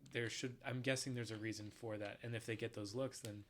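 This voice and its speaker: A young man hosts a casual podcast with a low, easygoing voice and asks short questions. A faint hiss sits under the recording. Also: steady tone, a little fast, fairly bright tone. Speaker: podcast host.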